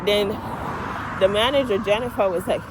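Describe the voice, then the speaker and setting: Walking along a residential street with her phone, a Nigerian woman with a strong accent chats casually for her vlog; she works as a medical assistant. She's animated and outspoken, swearing freely, her mid-range voice moving at a moderate pace. Cars pass and street noise is clearly audible around her.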